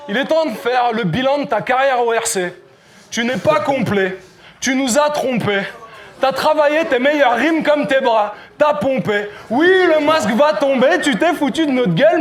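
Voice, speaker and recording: A man delivering a rap battle verse, mocking his opponent with punchlines and shouting at times. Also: extremely high pitch. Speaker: battle rapper.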